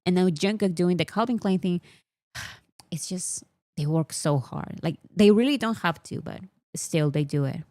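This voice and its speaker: In a clean, dry studio recording, a woman who grew up speaking Spanish vlogs casually as a K-pop fan, laughing often and putting on a mock-serious air. Her voice is on the low side and dark in tone, at a moderate pace.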